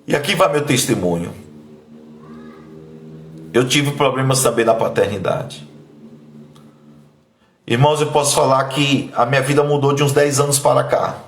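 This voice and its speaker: A pastor from Bahia, Brazil, a man in his thirties, preaches a sermon and shares his testimony, emphatic and pleading, his voice sinking low and soft when emotion takes over. He speaks at normal speed and pauses often. The sound is roomy with a little hiss or hum.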